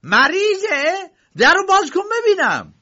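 Male narrator putting on a pushy angry uncle, pitched way up, gravelly, dull lo-fi audiobook. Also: big pitch swings, heavily acted. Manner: loud, demanding, shouting. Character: hot-tempered middle-aged uncle, brusque and pushy. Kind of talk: audiobook character voice. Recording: dull lo-fi recording.

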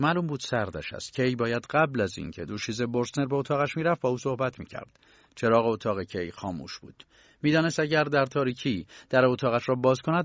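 A man narrating an audiobook in a calm, even storytelling voice. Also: mid-range voice, no room sound, dull audio. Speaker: audiobook reader. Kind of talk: scripted narration.

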